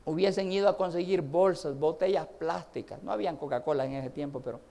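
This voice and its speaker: A man's voice: a little high, fairly quick, gravelly, warm tone. A man with a Honduran accent, a pastor preaching a sermon and calling the congregation to repeat phrases after him. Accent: Honduran Spanish. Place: church service.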